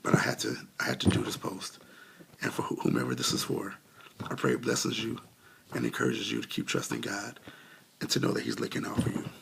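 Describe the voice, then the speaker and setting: A man tells an earnest personal testimony with many ums, trying not to cry and still coughing a little. His voice is low and deeply gravelly with fry. A faint hiss of noise sits behind him. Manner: earnest, many fillers, on the edge of tears. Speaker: vlogger sharing a testimony. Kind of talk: casual heartfelt testimony.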